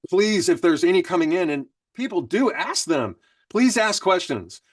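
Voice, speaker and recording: Slightly high-voiced man teaching a webinar. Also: very animated, normal speed, no room sound, far from the mic. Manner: casual, explanatory, reads prompts aloud. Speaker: webinar presenter. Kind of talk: instructional webinar talk.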